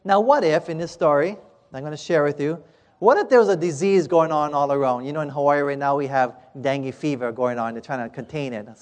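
A man preaching a sermon, telling a parable in a dramatic, emphatic way and slowing down on key words. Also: a little high. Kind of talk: sermon storytelling. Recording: echoey hall.

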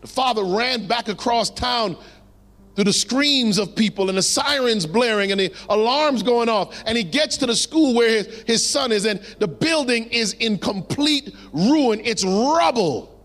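A male preacher delivering a sermon, pausing dramatically and dropping his voice low on key words. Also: expressive, a bit bright. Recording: long hall reverb.

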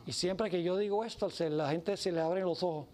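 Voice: medium pitch, brisk, dark tone. Emphatic preacher telling a parable. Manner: emphatic, acts out the story. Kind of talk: sermon.

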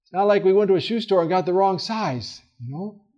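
A man leading a Bible study with a voice that sits fairly high for a man. He talks in an earnest, conversational way, full of fillers and restarts. His stressed words come out loud, and he drops to soft, quiet asides in between. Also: lively intonation, fairly quick, highs cut off. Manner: casual, with many fillers and restarts. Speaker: Bible teacher.

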